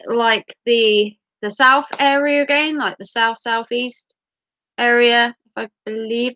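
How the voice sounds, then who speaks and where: A British livestream host with a mid-range voice chats casually while sick with a cold, her voice wheezy and interrupted by throat clearing. She rambles with plenty of ums and self-mocking jokes, yet her tone stays bright and forceful. The close mic gives a dry, slightly dull sound.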